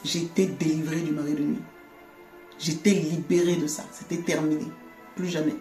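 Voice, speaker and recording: Woman telling her faith testimony, lowish voice, laughs a lot, echoey room, faint music. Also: normal speed. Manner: animated, laughs often, repeats words. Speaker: guest giving testimony.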